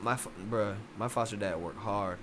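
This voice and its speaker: A man's voice: fairly low pitch, moderate pace, background noise. A young man from Philadelphia, a boxing coach guest in a casual podcast interview, rambling with many restarts.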